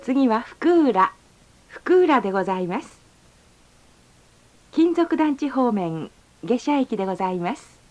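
A woman reading a polite, formal onboard train announcement, slowing down to stretch out each station name. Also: fairly high pitch, very animated, slight background noise. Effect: recorded onboard train announcement. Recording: slightly dull lo-fi sound.

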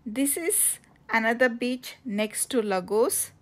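Woman travel vlogger, slightly high voice, slow and halting casual narration, recorded on a phone outdoors. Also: lively intonation. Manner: slow, halting with many fillers and restarts. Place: outdoors on coastal cliffs.

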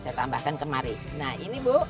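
Woman cooking-show host, outdoors, lapel mic, lively pitch, music playing behind. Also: fast. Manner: chatty, instructive, keeps addressing the audience as "Bu". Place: outdoor street cooking stage.

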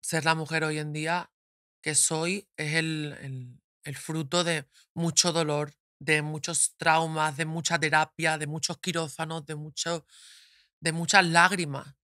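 A woman guest, speaking frankly and openly in a studio conversation, often slowing down to reflect. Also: low voice, level tone, sharp tone, no room sound. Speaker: guest, actress. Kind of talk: candid personal conversation. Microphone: studio mic.

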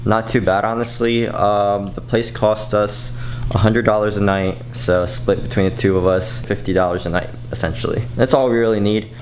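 A man's voice: lowish voice, fairly even intonation, normal speed. A young man in his twenties making a casual travel vlog, chatty and joking as he talks to a camera held at arm's length. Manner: jokey, chatty, laughs at his own jokes. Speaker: travel vlogger. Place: restaurant, then hotel room. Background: background music.

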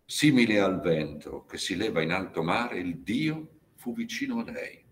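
Guy doing a slow dramatic poetry reading, deepish voice, lots of pauses. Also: a little hiss or hum. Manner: measured, expressive reading with many pauses and shifts in loudness. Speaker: poetry reader at a university lecture.

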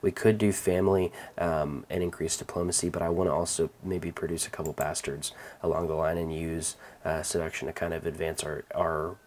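A man hosting a let's-play, calmly talking through his moves with many ums and restarts. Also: sits low, fairly quick, hardly any pauses, slight background noise. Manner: relaxed, rambling, many fillers and restarts. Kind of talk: casual gameplay commentary.

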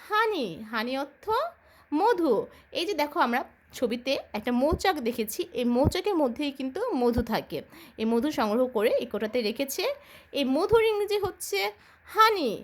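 Bangladeshi lady teaching kids english, high voice, lively, spells stuff out slow and asks then answers herself. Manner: slow, drilling, spells words letter by letter; asks and answers own questions. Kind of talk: children's English lesson.

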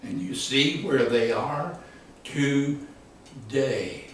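A man preaching a sermon, emphatic, rising to shouts and dropping low. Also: lively intonation, drawn-out words, slight background noise. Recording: echoey hall from far off.

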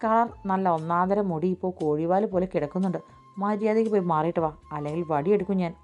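A woman reading a stern old grandmother who scolds and threatens a lazy child. Her low voice stays warm and mellow even as it sharpens. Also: fast, faint music behind, close to an everyday voice. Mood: threatening. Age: older.

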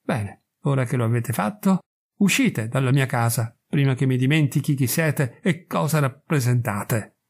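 A man's voice: mid-range voice, normal speed, husky. A man voicing a possessive, angry frontier man who makes hard demands in a storybook reading. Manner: forceful, possessive.

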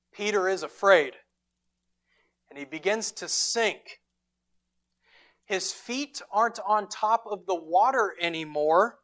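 A man preaching a sermon as pastor, retelling a scripture story with dramatic emphasis and deliberate pauses. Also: sits high. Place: church sanctuary.

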